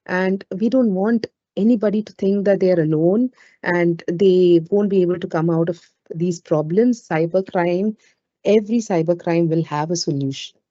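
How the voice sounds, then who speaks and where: Female webinar trainer, Indian accent, mellow conversational delivery, roomy lo-fi call audio. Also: fairly low pitch, normal speed. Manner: conversational, with frequent "you know" asides. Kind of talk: informal live webinar talk with audience questions. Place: indoors on an online webinar call.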